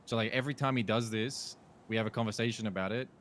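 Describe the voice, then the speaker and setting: Male gang member, lower pitch, quick filler-heavy reasoning. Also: fairly bright tone, slight background noise. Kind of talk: in-character group discussion.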